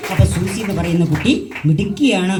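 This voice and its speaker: A woman's voice: lowish voice, quick pace, over loud music. A woman hosting a children's program, asking teasing questions and laughing as she talks. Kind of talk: playful stage talk with children. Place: large indoor hall. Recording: echoey hall, far from mic, crowd. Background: audience chatter and noise.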